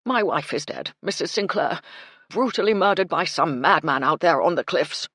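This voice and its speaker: A woman narrator voicing a grief-stricken aristocratic widower with a hoarse voice. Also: deep voice, sing-song, moderate pace, dry recording, studio quality, exaggerated voice. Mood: anguished. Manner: anguished, breaking outbursts.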